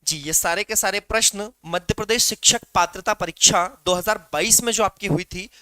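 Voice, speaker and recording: A man's voice: sits high, normal speed, pushed and bright, dry recording. A male teacher giving a live online exam-prep class, explaining through rhetorical questions and calling his students "beta".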